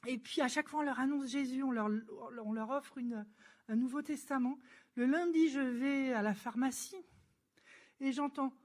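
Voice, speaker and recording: A woman giving a church testimony, telling her story in a lively, chatty way and acting out the dialogue. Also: high voice, moderate pace. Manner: lively storyteller who acts out dialogue and laughs; chatty and informal, with frequent fillers.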